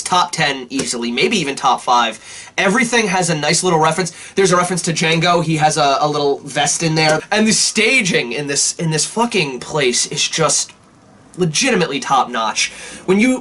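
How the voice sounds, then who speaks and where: A man's voice: a little high, a bit bright, a little hiss or hum. A man co-hosting a film review podcast, talking casually and animatedly, swearing often.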